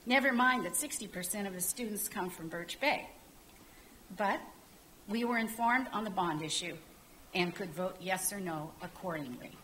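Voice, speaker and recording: A woman's voice: medium pitch, moderate pace, a bit bright, slight background noise, rough recording. An older woman giving a formal public comment from a podium in a council chamber, reading a prepared statement. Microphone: podium microphone.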